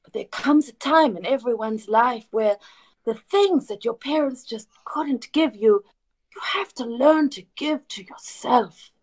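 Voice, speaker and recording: A woman's voice: a little high, measured pace, low-quality recording. A woman putting on a sweetly false mother. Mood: mock tender. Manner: theatrical, mock-tender. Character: player in disguise as a doting then cruel mother. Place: home bedroom. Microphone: home remote-call mic.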